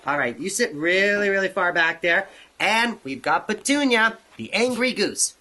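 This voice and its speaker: Kids' show host, male, playful and lively, fairly high voice, with steady noise behind him. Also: normal speed. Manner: animated, playful, talking to children. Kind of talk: playful kids' music lesson. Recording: noisy recording.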